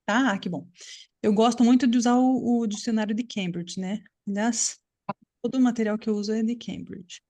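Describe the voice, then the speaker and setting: Woman teacher, slightly high voice, patient explainer on a video call. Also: fairly even intonation, moderate pace, dark tone. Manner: patient, explanatory, checks understanding often. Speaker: English teacher. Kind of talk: live online class.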